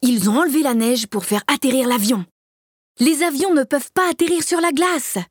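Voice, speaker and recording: A woman voicing a kindly, tall, thin, grey-haired uncle in a children's storybook reading, explaining things calmly. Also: high-pitched, moderate pace, no room sound, studio quality, voice pushed up, lightly acted.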